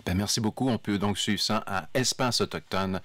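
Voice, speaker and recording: Man, radio host, low voice, dry close studio mic, joking banter. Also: normal speed, a bit bright, no room sound. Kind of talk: casual studio chat.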